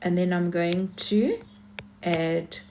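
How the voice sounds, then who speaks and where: A woman's voice: on the low side, slow, dark tone, a little hiss or hum. A woman teaching maths, talking patiently through each step of a worked example and repeating key points.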